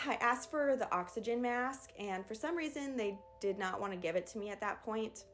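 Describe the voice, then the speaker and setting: A woman's voice: a little high, moderate pace, slight background noise. Young woman telling a birth story. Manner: candid, animated retelling with acted quotes. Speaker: vlogger. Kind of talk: casual storytime.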